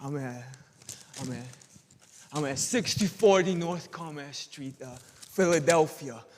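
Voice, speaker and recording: A man's voice: a little high, measured pace, a little hiss or hum, lightly acted. A young man performing a stage monologue as a sheltered, stammering man who breaks free and turns defiant. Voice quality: stammering, repeats words. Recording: reverberant hall.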